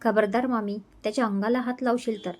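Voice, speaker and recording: Woman doing fierce protective young woman, firm, defiant, fairly high voice, storybook. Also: steady tone, brisk, a little mellow, natural voice.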